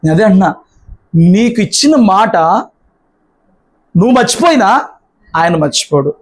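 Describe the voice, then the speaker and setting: A man preaching with a high-pitched voice, pressing his point through repetition and rhetorical questions. He speaks as a pastor addressing a church congregation. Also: sing-song, normal speed. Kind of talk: sermon.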